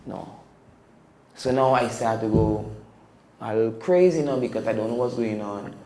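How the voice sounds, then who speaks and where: A man's voice: on the low side, normal speed, mellow, echoey room. A man with a Caribbean English accent, a DJ recounting his life in a casual, reflective podcast interview. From Caribbean (Statia). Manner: reflective, emphatic, slangy. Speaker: podcast guest, DJ.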